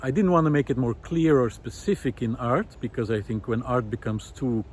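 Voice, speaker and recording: This man, once a visual artist and now host of an ecology project, speaks at a normal speed in a mid-range, slightly mellow voice. His unscripted monologue is reflective and hesitant as he gropes for words, and a little hiss or hum sits under the recording.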